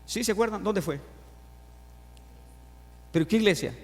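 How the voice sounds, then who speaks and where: A man's voice: high-pitched, a little slow. A middle-aged man preaching a sermon to his congregation. He acts out Bible quotes and stories and asks the listeners questions. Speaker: pastor. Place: church sanctuary. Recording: long church hall reverb.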